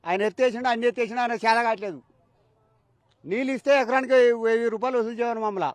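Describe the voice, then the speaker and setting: A man's voice: very high voice, rapid-fire, no echo. A man farmer with a Telangana Telugu accent, speaking outdoors in a news interview in an angry, defiant way. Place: outdoors by a canal.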